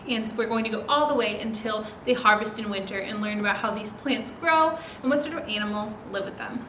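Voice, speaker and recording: A public library story time host with a high, pushed, bright voice reads aloud to young children in a teacherly manner. She asks them many direct questions, and there's slight background noise.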